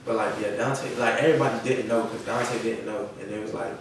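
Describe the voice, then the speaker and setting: A young adult rapper from North Carolina is interviewed on a podcast, speaking casually in slang and often asking "you feel me." His voice is fairly low, steady, brisk and creaky. The room is echoey and noisy, with the mic set at a distance.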